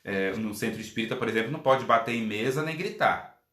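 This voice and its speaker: A man teaches in a lively, colloquial manner and slips into acted-out quotes. His voice is bright and forceful. The room around him is echoey and roomy. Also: medium pitch, fast. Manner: animated and colloquial, acts out quotes. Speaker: spiritual teacher and medium. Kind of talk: live-streamed lecture.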